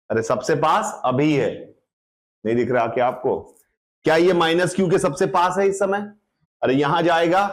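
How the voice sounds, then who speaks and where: A man teaching a physics lecture in mixed Hindi and English, explaining step by step and often checking that students follow. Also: high-pitched. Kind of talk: classroom lecture.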